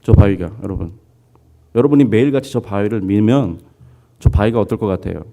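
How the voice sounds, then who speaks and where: A pastor with a lowish voice and vocal fry preaches fairly quickly over a noisy background. He tells a story in a lively way, putting on voices for its characters and asking the congregation questions.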